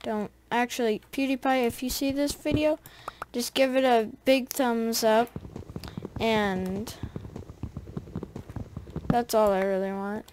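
Slow, chatty female gaming commentator. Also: fairly high pitch, steady tone, darkish tone, slight background noise. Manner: rambling, chatty, talks straight to viewers. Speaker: gaming video creator. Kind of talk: casual gameplay commentary.

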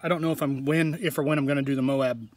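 A man talking casually to his viewers in a tasting vlog, rambling in a relaxed way. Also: mid-range voice, fast, dry recording. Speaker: food reviewer.

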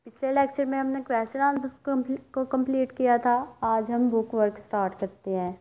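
A woman teaching a recorded English lesson. She reads English words slowly and explains each one in Urdu. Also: high-pitched, steady tone, dark tone, rough recording. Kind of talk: recorded class lecture.

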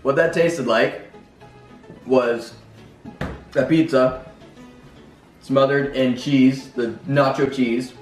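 A man hosting a casual family vlog, talking in a relaxed, laid-back way. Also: mid-range voice, takes it slowly, pauses often, recorded from a distance. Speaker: vlog host. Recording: echoey room, off-mic, with music.

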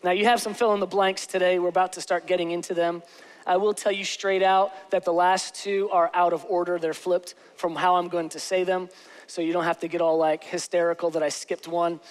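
A man in his forties preaching a sermon as pastor on a large church stage, joking and often asking the crowd "okay?", slowing down on key words. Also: sits high, flat delivery, clear, resonant tone.

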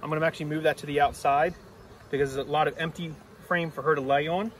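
A middle-aged beekeeper gives a hands-on demonstration of a hive inspection on a grassy yard, plainly explaining each step while he works. His voice is a little high for a man, steady, and fast, picked up by a camera mic a few steps away with a faint outdoor hum beneath it.

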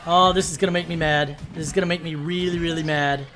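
A man hosting a gaming video, giving let's-play commentary in an animated, exasperated, mock-ranting way. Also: a little high, quick pace, loud music behind the voice. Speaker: gaming channel host.

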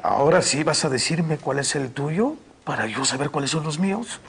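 A man, playing a flattering, teasing uncle in a telenovela. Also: a little high, moderate pace, vocal fry, background noise. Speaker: uncle, old flame. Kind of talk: telenovela acting.

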